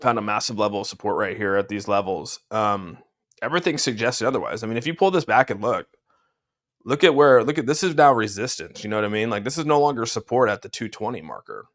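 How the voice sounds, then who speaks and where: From a room at home, a man hosts a crypto livestream, talking over charts and answering live chat in a rambling, laid-back way and saying "dude" often. His voice is lowish, fast, a bit bright, and lively in intonation, and he sounds slightly congested.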